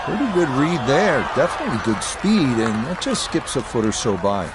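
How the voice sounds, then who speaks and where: A man's voice: mid-range voice, sing-song, normal speed, noisy background. A man working as a golf commentator, calling shots and describing holes in a conversational, wry way. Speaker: golf commentator, lead announcer. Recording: music and crowd behind the voice. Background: music and outdoor crowd ambience.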